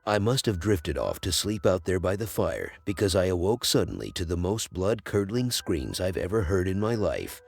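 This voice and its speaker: A man reads a scary story aloud with a very deep, gravelly voice. His delivery is measured but rises and falls with a lively pitch range. Soft music plays faintly behind him. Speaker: horror story narrator. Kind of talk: scripted narration.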